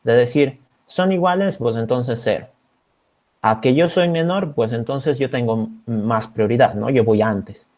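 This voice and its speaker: Over a slightly muffled video call, a man from Bolivia works as a TA in an online coding class. He explains the code one step at a time and keeps asking how his students are doing. His voice sits at medium pitch, a little mellow, and he doesn't rush.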